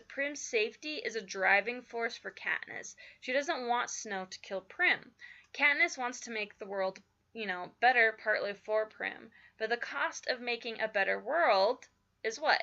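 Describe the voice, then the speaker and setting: A writing teacher walks through a lesson in a chatty way, her speech packed with fillers like "like" and "you know." Her bright, slightly high voice is a bit croaky, as if she has just woken up, and the recording sounds somewhat dull and lo-fi.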